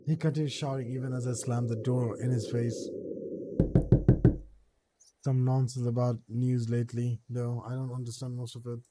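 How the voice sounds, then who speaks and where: A man's voice: medium pitch, level tone, moderate pace, pauses often, background noise. A man casually reading game text aloud, often stumbling over words and restarting them.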